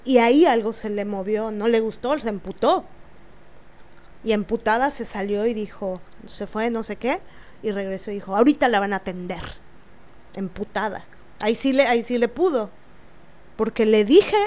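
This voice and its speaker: A woman with a Mexican Spanish accent, telling an angry first-person account in an indignant way, swearing freely and pausing on fillers. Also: a little high, a little mellow. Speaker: vlogger.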